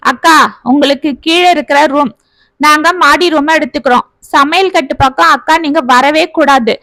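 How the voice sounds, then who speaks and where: A woman's voice: high-pitched, sharp tone, no echo. A woman voicing a tearful young wife who pleads with her family.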